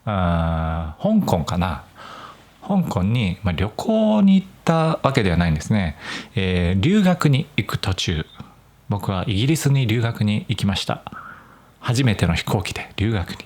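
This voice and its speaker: Talking a little slowly in a voice on the low side, a young Nagoya man hosts a solo podcast aimed at language learners. Mostly standard Japanese with slight local touches, his delivery is clear, careful and relaxedly chatty.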